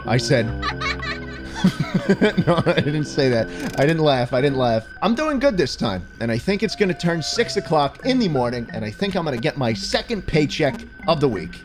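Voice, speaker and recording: A man giving loud, excitable, swearing commentary while playing a game. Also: on the high side, fairly quick, hardly any pauses. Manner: excitable, swearing, laughing outbursts. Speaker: gaming streamer. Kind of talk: let's-play commentary. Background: game music.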